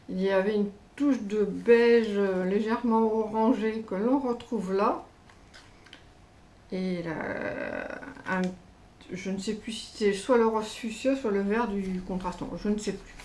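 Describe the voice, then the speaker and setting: A chatty woman with a French accent presents her latest craft parcels in a relaxed, hesitant way, often pausing to search for words. Her voice sits at an ordinary middle pitch, with a faint hum of room noise underneath. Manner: chatty, hesitant, lots of fillers. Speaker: craft channel host. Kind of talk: casual unboxing vlog.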